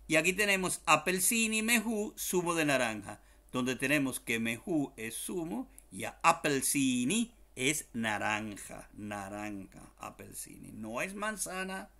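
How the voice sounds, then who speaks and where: A man's voice: medium pitch, a bit bright. A man teaching an online language lesson, repeating each word several times, spelling it out letter by letter and adding small jokes. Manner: explains slowly, repeats words many times, spells letter by letter, jokes aside.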